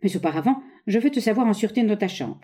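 A woman's voice: mid-range voice, animated, quick pace, warm tone, voice pushed up, lightly acted. A woman reading aloud, voicing an exasperated husband, a naturalist, in a plain, impatient way.

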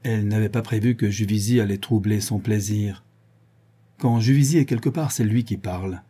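A man narrating a novel as an audiobook in a measured, literary storytelling style. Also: fairly low pitch, mellow, slightly rough.

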